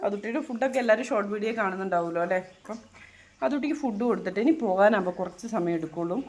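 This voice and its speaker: A woman's voice: medium pitch, expressive, very fast, darkish tone, roomy sound. A woman chatting casually to her viewers in a home vlog, often turning straight to the audience. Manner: chatty, addresses viewers with frequent "kettō". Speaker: vlogger.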